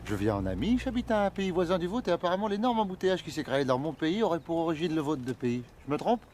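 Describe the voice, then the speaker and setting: An actor playing a polite but smug customs officer in a film scene. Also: male voice, on the high side, big pitch swings, fast talker, a little mellow, slight background noise.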